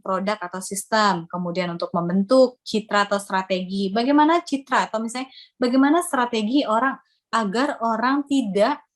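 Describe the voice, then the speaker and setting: An Indonesian woman giving a community workshop lecture on presentation skills, explaining step by step with frequent "ya" and "nah" tags. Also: medium pitch.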